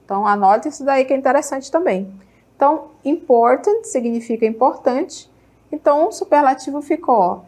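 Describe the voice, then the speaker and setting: A Brazilian woman with a slightly high voice leads an English class in a Brazilian Portuguese accent. She is upbeat and encouraging, keeps checking that her students are following, and says each English word slowly so they can repeat it. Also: a little mellow. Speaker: English teacher. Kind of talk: televised classroom lesson.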